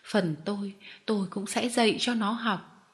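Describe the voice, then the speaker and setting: A woman's voice: mid-range voice, steady tone, unhurried, natural voice. A woman doing a stern old showman. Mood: firm. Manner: curt, commanding. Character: stern old male street-show master.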